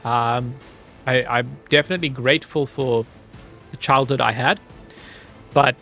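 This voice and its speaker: A man from Zimbabwe chats with viewers while streaming a game, relaxed and quick to laugh. He speaks a little slowly at medium pitch, with a fairly bright tone and fairly even intonation. Faint music runs behind.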